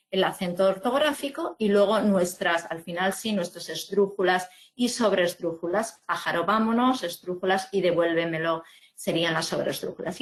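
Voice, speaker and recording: Woman from teaching a webinar. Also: on the low side. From Spain. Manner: explanatory, many fillers and tag questions. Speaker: webinar presenter.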